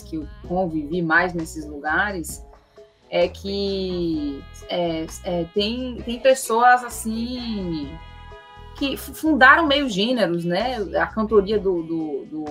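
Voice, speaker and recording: A woman from Salvador talks about her musical roots in a reflective interview. She often stops, restarts and repeats small words as she thinks aloud. Faint music sits quietly beneath her voice. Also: fairly low pitch. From Salvador, Bahia, Brazil. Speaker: musician guest.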